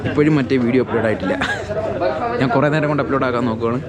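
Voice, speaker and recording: A young Malayali man hosts a casual travel vlog in a mid-pitched voice. He blends Malayalam with English words and phrases as he addresses viewers. He is outdoors, with people audible around him. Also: very fast. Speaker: travel vlogger. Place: outdoors around a hill town and forest. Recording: outdoor street sound with background chatter.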